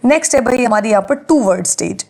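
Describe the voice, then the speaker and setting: A woman's voice: on the high side, lively intonation, fast, vocal fry, darkish tone, low-quality recording. Woman teacher explaining step by step. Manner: explains step by step, asks and answers her own questions. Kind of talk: exam-prep lecture.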